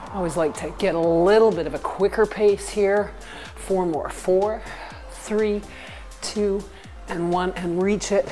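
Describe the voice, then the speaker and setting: Female fitness coach, lower register, slow measured delivery, encouraging short cues and countdowns, music underneath. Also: mellow. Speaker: fitness instructor. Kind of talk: instructing an exercise class, counting down reps. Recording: music behind the voice.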